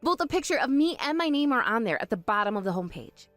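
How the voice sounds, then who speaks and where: A woman voicing a calm, sharp-tongued young woman in an animated story, speaking firmly and with dry exasperation. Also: fairly high pitch, fast talker, no room sound, faint music behind.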